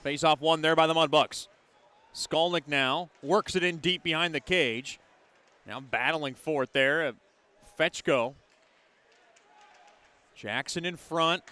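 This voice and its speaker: A man's voice: on the high side, slow, pauses often, pushed and bright, smooth. A man giving live hockey commentary as play-by-play announcer, describing the action in short, clipped phrases.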